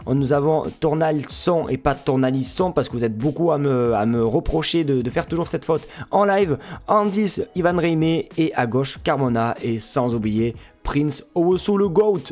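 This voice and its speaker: A man's voice: on the high side, darkish tone. A man from France with a French accent, casually talking viewers through a football pre-match analysis in a jokey, chatty way. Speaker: football fan YouTuber and Twitch streamer.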